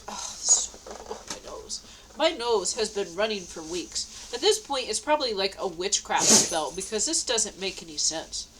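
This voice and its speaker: At home indoors, a woman vlogger with a stuffy nose rambles through personal diary-style talk, meandering with plenty of fillers and restarts. Her voice is medium-pitched and a bit bright, and the audio is poor with a little hiss or hum.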